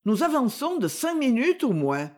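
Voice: high-pitched, big pitch swings, normal speed, pitched above the performer's own voice. A storybook reader voicing a fearful middle-aged widowed sister who talks nervously, pressing for answers and stammering. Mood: worried.

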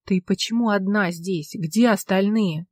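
A woman voicing a young, blunt but good-natured village policeman with folksy, steady talk. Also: medium pitch, measured pace, dry recording, natural voice. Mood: calm questioning. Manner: plain-spoken folksy talk, calm and steady.

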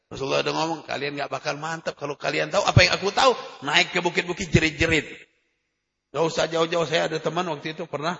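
High gravelly preacher in an echoey hall. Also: male voice, highs cut off. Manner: emphatic, conversational preaching with sudden loud rises. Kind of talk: sermon.

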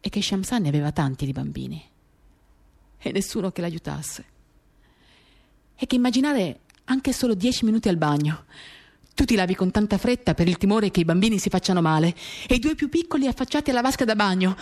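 A woman reads a literary monologue from a novel for radio theatre with lively intonation, a little fast, in a medium-pitched, slightly mellow voice. Her short phrases sound intimate, dramatic and confiding against acoustic guitar music.

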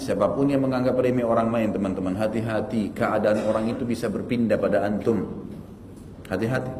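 A man teaching an Islamic study class in a lively, emphatic manner, his voice climbing high when he scolds. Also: long reverb tail, a little hiss or hum. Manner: animated, emphatic, rising pitch on rebukes. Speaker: religious teacher.

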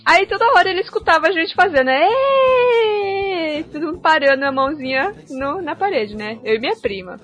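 High-voiced woman telling animated stories. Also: fast, hardly any pauses. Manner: animated storyteller, acts out voices. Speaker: podcast co-host. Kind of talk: casual podcast storytelling.

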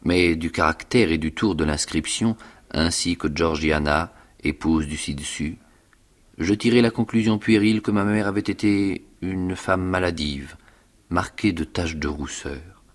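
A man giving a measured, expressive reading of a classic novel in the first person. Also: low voice. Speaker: reader. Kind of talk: dramatic literary reading.

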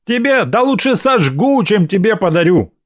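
Man doing a burly lazy young servant, drawling and loud, storybook voice. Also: high voice, sing-song, moderate pace, voice pushed up. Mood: excited protesting. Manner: drawling, grumbling. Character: young male manservant, lazy, grumbling, burly.

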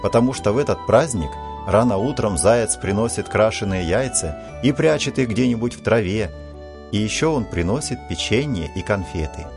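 A man voicing an eager schoolboy who boasts about holiday treats in a lively, excited way. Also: fairly low pitch, normal speed, over music, natural voice.

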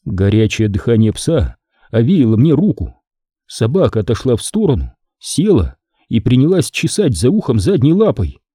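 Husky-voiced man reading a story aloud. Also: medium pitch, very animated, normal speed, dark tone, no room sound, clean studio sound. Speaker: audiobook narrator. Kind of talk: scripted story narration.

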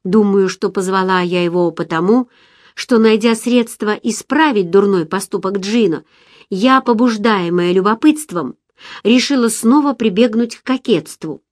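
A woman reads a novel aloud in the first person, measured and even. Her voice sits at a middle pitch. The recording is close and dry, with no echo. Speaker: audiobook narrator.

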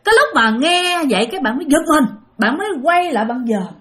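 Addressing the audience directly, a woman tells a ghost story dramatically in a high-pitched, animated voice. She talks at a quick pace, and her tone is a bit bright.

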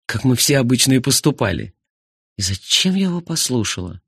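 A man's voice: medium pitch, brisk, creaky, breathy edge, dry recording, studio quality. A man reading first-person narration in an audiobook, expressively. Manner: expressive, animated. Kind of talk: scripted narration.

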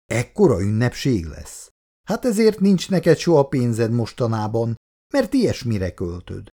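This is a wry older husband from a storybook, grumbling and dryly funny, voiced by a man reading aloud. The voice stays near the reader's own pitch, dark and gravelly, and still moves around a lot in pitch. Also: very animated. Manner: grumbling, dry humor.

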